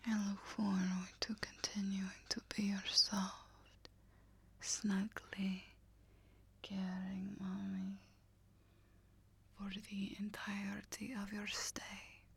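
Woman playing a furry coiled monster hostess, breathy whisper, slow and soothing, flat doting tone. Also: mid-range voice, full character voice. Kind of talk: whispered ASMR roleplay.

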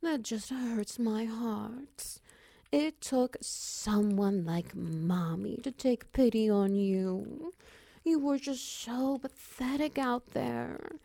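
A woman performing an intimate audio roleplay, speaking slowly and softly with a teasing manner that often drops into whispers. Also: fairly high pitch, gravelly, no room sound. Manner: slow, soft and teasing, dipping into whispers.

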